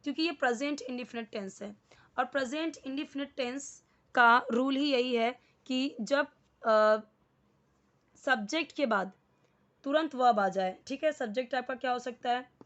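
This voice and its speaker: A woman teaching English in Hindi, explaining sentences slowly word by word and mixing English words into her speech. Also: high voice, a bit bright. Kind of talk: spoken English lesson in Hindi.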